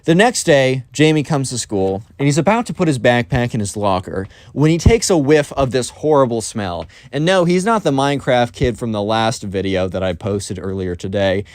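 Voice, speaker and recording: A man's voice: mid-range voice, lively intonation, moderate pace, few pauses, a little mellow, no echo. A man telling a story on his vlog in a casual, rambling way, full of fillers. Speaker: storytime YouTuber.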